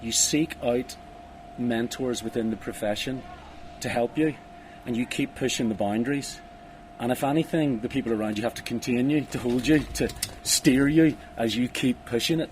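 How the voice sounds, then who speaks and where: A man's voice: mid-range voice, moderate pace. A man conducting a conversational interview on camera, speaking outdoors on a ski slope. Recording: noisy outdoor recording with ambient sound.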